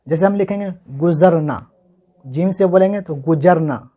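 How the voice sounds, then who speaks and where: Speaking slightly raised in a high, mellow voice, this Urdu handwriting teacher from Bihar, India, runs a casual writing lesson. He slowly spells out each word letter by letter and says it repeatedly, questioning himself and supplying the answers.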